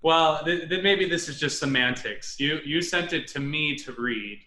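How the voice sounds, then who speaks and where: Bright-voiced joking man, echoey room. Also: on the high side, normal speed. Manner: joking, laughs often. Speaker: podcast guest. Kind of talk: casual sports podcast banter.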